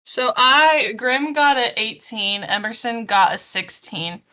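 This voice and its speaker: A woman playing her character in a tabletop game, casual and direct as she asks quick questions and declares actions. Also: on the high side, animated, sharp tone. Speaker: player.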